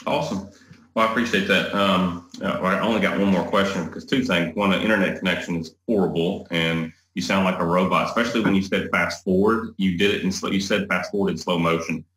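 A man's voice: low-pitched, steady tone, brisk, fairly bright tone, echoey room, poor audio. A man interviewing a client over a video call, asking upbeat but rambling questions. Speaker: interviewer for the coaching company.

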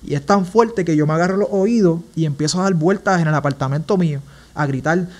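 A young man with a Puerto Rican accent speaks as a podcast guest. His voice sits a little high for a man. He tells his personal story with earnest, open emotion. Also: quick pace. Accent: Puerto Rican Spanish. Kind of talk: personal testimony in a casual interview.

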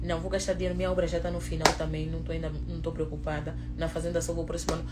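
A woman chatting casually on a livestream, excitable and preachy, swinging from low murmurs to loud encouragement. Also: racing, over loud music. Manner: excitable, switches from murmuring to shouting. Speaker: vlogger.

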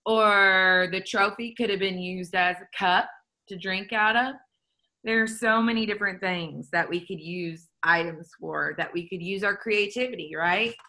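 A children's program leader hosts a kids' video call from her laptop, chatting and encouraging the young participants through the lesson. She speaks unhurriedly in a mid-range voice that sounds bright and forceful.

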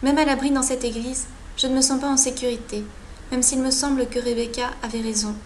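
A woman's voice: high voice, fairly even intonation, a little fast, slight background noise. A woman commenting on a video game playthrough, reading the in-game journal aloud and stumbling over words at times. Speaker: let's play host.

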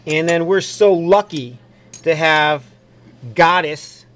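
A man's voice: on the high side, steady tone, takes it slowly, a bit bright. A man filming an upbeat, friendly walkthrough of a small cafe's new menu on a handheld camera. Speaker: cafe host filming a menu tour. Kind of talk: casual promotional walkthrough. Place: small cafe indoors.

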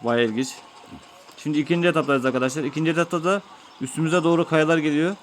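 Man calmly walking viewers through a game. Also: a little high, quick pace, a little hiss or hum. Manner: explains each step patiently to viewers. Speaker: gaming YouTuber. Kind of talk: let's-play commentary.

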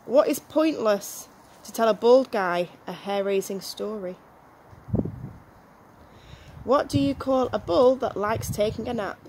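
A woman's voice: fairly high pitch, measured pace, pauses often. A middle-aged woman reading one-liner jokes aloud outdoors. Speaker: joke reader. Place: small back garden, outdoors. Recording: faint outdoor background noise.

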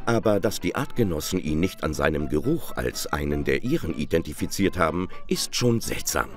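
A man's voice: rumbling low, expressive, moderate pace, soft background music. A man narrating a television documentary in a wry, playful scripted style.

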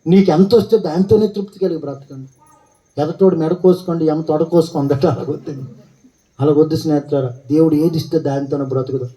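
A male pastor giving a sermon, asking rhetorical questions, calling for amens and repeating phrases, rising into shouted blessings. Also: a little high, fairly even intonation, quick pace, low-quality recording. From India.

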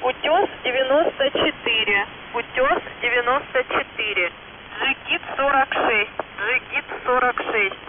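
A woman reads out code words and numbers over a walkie-talkie, slow and deliberate, saying each one twice. Her voice comes through narrow and phone-like from a distance, with clear static hiss behind it. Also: fairly high pitch. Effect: over a walkie-talkie radio. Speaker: radio operator. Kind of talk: reading radio call signs. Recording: tinny, distant radio transmission with hiss.

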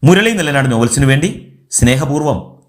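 A man's voice: mid-range voice, animated, moderate pace. A man narrating a serialized novel as an audiobook, telling it dramatically and with feeling. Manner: dramatic, emotive storytelling.

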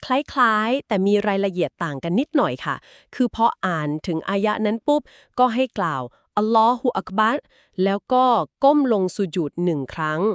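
Woman explaining stuff slowly and calmly, podcast, very dry close sound. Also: mid-range voice, no echo. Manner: calm, patient, explaining step by step. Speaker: podcast co-host explaining Quran etiquette.

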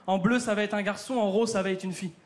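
A stand-up comedian with a North African French accent works a theater crowd in a chatty routine, talking directly to the audience. His voice is high-pitched and steady, his pace quick, with slight background noise.

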